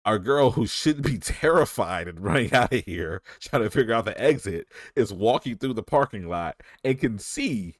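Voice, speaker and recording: Low-voiced man recapping a movie. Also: normal speed, hardly any pauses, no echo, studio quality. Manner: animated storytelling with slang and jokes. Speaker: podcast co-host. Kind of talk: casual movie recap chat.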